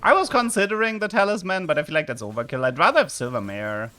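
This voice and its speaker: Talking to his audience while he plays, a man from southern Germany with a German accent reacts with sudden excited outbursts. He speaks quickly in a voice on the high side, backed by soft music.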